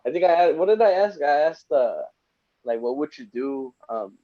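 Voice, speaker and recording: A man's voice: medium pitch, expressive, moderate pace. Man, late twenties, from texas, hesitant, giggly, dull lo-fi sound. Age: 20s. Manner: hesitant, giggly, many fillers. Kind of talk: casual live chat.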